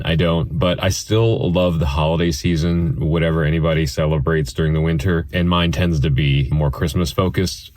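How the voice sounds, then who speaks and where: A man's voice: very deep voice, a little mellow, no echo. A man of about forty, chatting casually and rambling through a holiday message. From Indiana, US Midwest. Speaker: guest sharing a holiday message.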